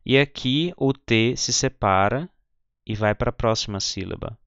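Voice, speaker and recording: A man teaching German pronunciation, patiently spelling out syllables and saying example words slowly. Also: mid-range voice, a bit bright, smooth, no echo, highs cut off. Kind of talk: explaining pronunciation lesson.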